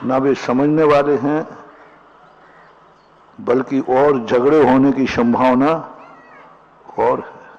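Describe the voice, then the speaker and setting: A man giving a Jain sermon as a monk, speaking in a slow storytelling manner and acting out quoted lines and folk sayings. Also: medium pitch, steady tone, darkish tone, muffled recording.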